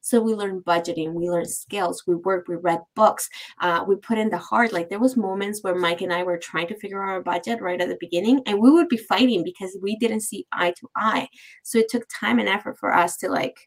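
A woman's voice: medium pitch, steady tone, a little fast, poor audio. A woman in her thirties co-hosting a podcast, chatting casually and laughing often. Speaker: podcast co-host. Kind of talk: casual chat.

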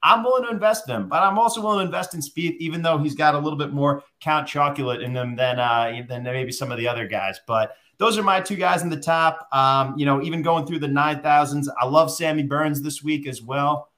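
A man's voice: a little high, brisk, hardly any pauses, sharp tone. A man co-hosting a golf betting podcast, rambling casually and tossing out punning nicknames. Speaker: podcast co-host. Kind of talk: casual sports betting chat.

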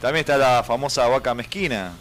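A man's voice: medium pitch, brisk. A man with an Argentine accent chatting casually as a regular on a radio show.

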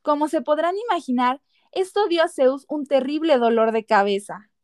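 High-voiced woman narrating myths. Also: moderate pace, background noise. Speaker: podcast narrator. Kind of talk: scripted dramatic storytelling.

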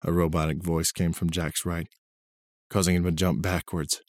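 Deep-voiced man narrating a story. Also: level tone, normal speed, no echo.

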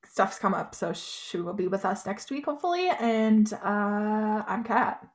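A woman's voice: mid-range voice, a little slow. A young woman co-hosting a casual podcast, chatty and laughing, swearing now and then. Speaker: podcast co-host.

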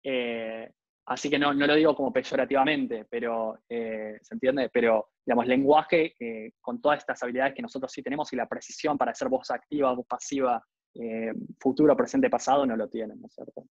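A man's voice: mid-range voice, steady tone, a little fast, no echo, dull audio. A man with an Argentine accent giving an informal university lecture, talking conversationally and often checking in with his students. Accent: Rioplatense Argentine Spanish.

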